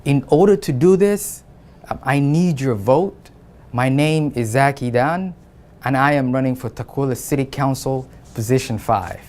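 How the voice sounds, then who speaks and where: A man's voice: mid-range voice, a little slow, darkish tone. A man from Somalia, a city council candidate, giving an earnest campaign statement in plain phrasing with a few hesitant fillers.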